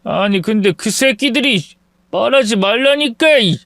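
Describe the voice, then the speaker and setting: A drunken, belligerent husband barks and bullies, as a man puts him on, his voice pushed up high and swinging wildly. The sound is dry and close. It comes from a dramatic audio story. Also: animated, unhurried, gravelly, dry recording, full character voice. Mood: angry. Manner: belligerent, shouting, slurring threats. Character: drunk, bullying middle-aged husband.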